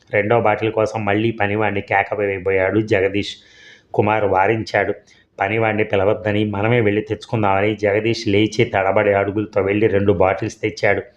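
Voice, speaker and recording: A man reading out a story in a steady, even way. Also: fairly low pitch, lo-fi sound. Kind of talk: scripted story narration.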